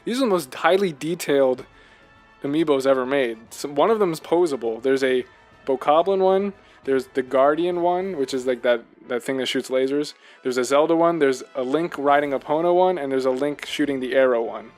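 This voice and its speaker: Faint music sits behind this podcast co-host, a man of medium pitch talking at a moderate pace about video games. Gushing and enthusiastic, he drifts from thought to thought in a rambling, casual chat.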